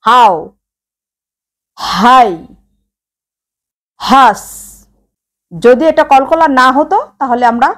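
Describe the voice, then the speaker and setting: A woman teaching Quran reading, addressing viewers directly and sounding out letters one by one. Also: on the high side. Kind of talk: slow instructional explanation.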